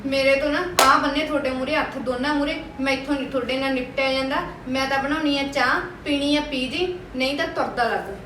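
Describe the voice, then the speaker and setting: A woman's voice: high-pitched, fairly even intonation, bright, forceful tone. A woman playing a fed-up young daughter-in-law who complains about her household, speaking. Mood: complaining. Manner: complaining, rapid arguing. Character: fed-up young wife, quarrelsome then weary. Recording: echoey room from a far mic, noisy.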